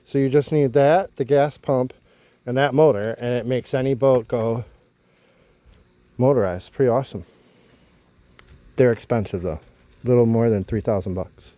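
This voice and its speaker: A man with a mellow, warm voice talks through a boat repair outdoors on a houseboat. He keeps it easygoing, explaining each step as he works with his hands, in a casual vlog style. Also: medium pitch, moderate pace, long pauses, no room sound. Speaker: vlogger.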